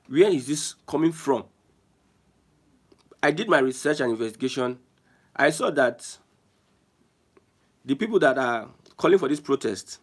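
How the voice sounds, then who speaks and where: Man, Nigerian accent, mid-pitched, emphatic, repetitive, show host commentary. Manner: emphatic, repeats phrases, restarts often. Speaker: online show host reading viewer comments. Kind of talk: casual political commentary.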